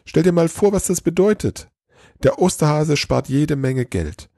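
A small, excitable elf bursts out in a high, breathless rush, as a man reads him in a storybook. His pitch leaps all over in his eagerness. The sound is close and completely dry. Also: unhurried, no echo. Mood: enthused. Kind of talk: storybook reading.

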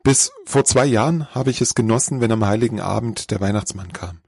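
Husky-voiced male podcast host. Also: fairly low pitch, brisk, a little mellow, no room sound, studio quality. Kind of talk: scripted podcast intro.

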